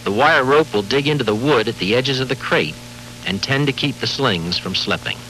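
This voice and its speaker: A man giving formal, measured scripted narration for a safety training film, heard from a worn VHS tape copy with faint hiss and hum. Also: mid-range voice, lively intonation, pushed and bright, rough recording. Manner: measured, formal, authoritative delivery.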